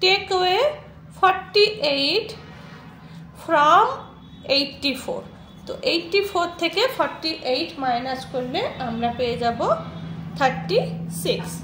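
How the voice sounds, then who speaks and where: Slow, high-voiced woman teacher. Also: a bit bright, roomy sound, slight background noise. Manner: slowly reads questions in English, explains in Bengali. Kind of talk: worksheet lesson for children.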